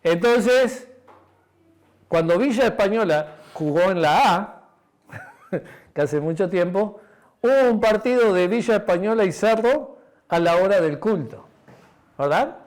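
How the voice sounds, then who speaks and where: A man's voice: high-pitched, lively intonation, measured pace, long pauses. A man preaching a sermon as pastor, with a Uruguayan Spanish accent, telling a personal story with acted-out dialogue and frequent tag questions. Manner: drops to a quiet, intimate tone near the end.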